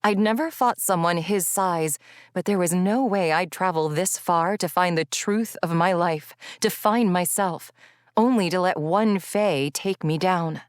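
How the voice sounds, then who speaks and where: A woman reading a young adult fantasy audiobook in first person, measured and reflective. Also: on the low side, no room sound, clean studio sound. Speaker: audiobook narrator.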